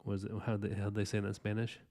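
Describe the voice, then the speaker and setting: Thirtysomething guy rambling thru a drawing lesson, lowish voice, kinda warm, lots of restarts. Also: completely flat delivery, very fast. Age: 30s. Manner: rambling, loose and chatty, lots of fillers and restarts. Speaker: artist hosting a drawing podcast. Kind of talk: casual drawing tutorial while sketching.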